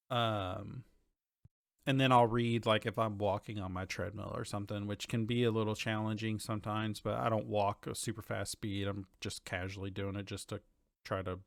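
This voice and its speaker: Casual podcast talk about TV and games comes from a man in his thirties who hosts and often thinks out loud in a conversational way. His voice is on the low side with vocal fry, cleanly recorded at studio quality without room sound.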